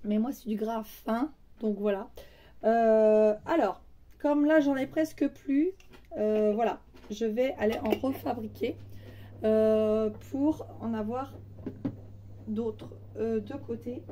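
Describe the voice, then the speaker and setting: Hoarse, raspy woman with a weakened voice. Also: on the high side, slow pace, mellow, distant mic, slight background noise. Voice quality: raspy, partly breathy voice from voice loss. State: hoarse, weak voice recovering from laryngitis. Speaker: home cleaning vlogger. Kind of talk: casual chat to camera.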